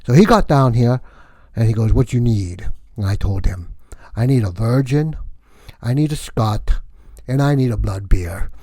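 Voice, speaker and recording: A man's voice: medium pitch, lively intonation, normal speed, mellow, dry recording, lightly acted. A man playing a wacky, boastful vampire count who tells rambling comic stories with a jokey, self-mocking manner. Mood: aggrieved. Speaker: comedian character. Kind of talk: comic monologue.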